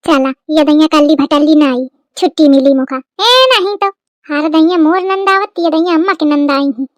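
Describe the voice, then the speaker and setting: A woman's voice: high voice, no room sound, close to an everyday voice. A woman voicing a young scheming village daughter-in-law in a cartoon comedy, chattering in dialect. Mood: plotting. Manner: brisk rustic dialect chatter.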